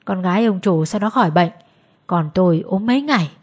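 Woman voicing boastful village man, loud, emphatic, husky, spoken ghost story. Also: fairly low pitch, lively intonation, brisk. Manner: raised, emphatic.

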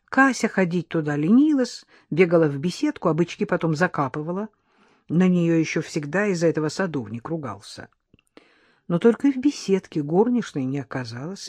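An audiobook narrator reading a detective novel with expressive, lively intonation. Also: mid-range voice, slightly rough, dry recording, studio quality.

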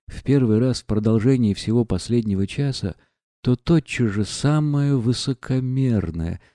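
Dark-voiced man narrating a novel. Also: medium pitch, no echo, studio quality. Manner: measured, expressive reading. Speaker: audiobook narrator. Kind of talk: scripted literary narration.

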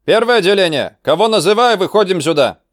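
A man voicing a gruff male drill instructor who shouts out roll calls. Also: sits high, lively intonation, a little fast, no room sound, clean studio sound, voice pushed up. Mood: shouting.

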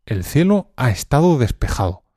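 A man teaching a language lesson, speaking calmly and deliberately with some hesitant fillers. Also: medium pitch, no echo, studio quality. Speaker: Spanish teacher. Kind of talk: slow, clear language lesson.

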